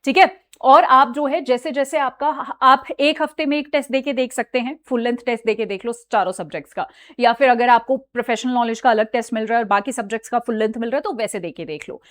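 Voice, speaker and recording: A woman's voice: fairly high pitch, fast talker, few pauses. A young woman teaching an online exam-preparation lesson, chatty and direct, mixing English phrases into her talk and often checking in with her students. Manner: chatty, mixes Hindi with English phrases, repeats "ठीक है?".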